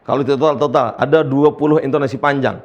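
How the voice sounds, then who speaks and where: A man teaching Quran recitation to young learners, patiently explaining letter lengths and chanting the letters slowly for students to repeat. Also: medium pitch, fairly even intonation.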